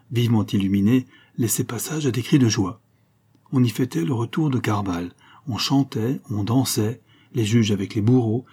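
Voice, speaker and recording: A man reading a historical novel aloud in a steady, measured storytelling voice. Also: on the low side, slightly rough. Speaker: audiobook narrator. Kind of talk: scripted narration of a historical novel.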